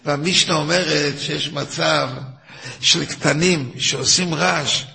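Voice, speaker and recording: An older rabbi tells stories in his weekly lesson, his voice gravelly and bright. He speaks a little high for a man and keeps the telling lively, slipping into the voices of the people in his tales. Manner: animated, acts out shouting characters in stories. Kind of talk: storytelling Torah lesson.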